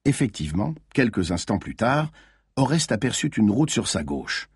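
A man's voice: lowish voice, big pitch swings, normal speed, slightly rough, no echo, studio quality. A man reading a thriller audiobook aloud with tense, dramatic narration.

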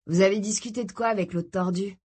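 A woman's voice: mid-range voice, steady tone, quick pace, a little mellow, husky, natural voice. A woman reading as a sulky teenage brother. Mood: grumbling. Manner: sulky, grumbling. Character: grumpy suspicious teenage brother.

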